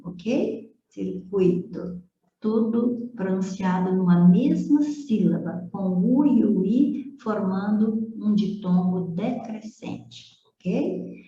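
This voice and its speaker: A woman's voice: mid-range voice, slow, warm tone. A woman teaching Portuguese, working through phonetics exercises in a methodical way and often checking in with the listener. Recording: dull roomy recording.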